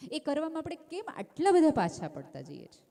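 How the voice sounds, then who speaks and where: A woman giving a gentle, calm inspirational talk from a stage, telling stories and calling her listeners friends. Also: high-pitched, a little fast, gravelly. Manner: intimate, addresses listeners as friend. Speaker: speaker at a community religious festival. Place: stage at a large festival gathering. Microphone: stage microphone with PA. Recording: long reverb of a large venue.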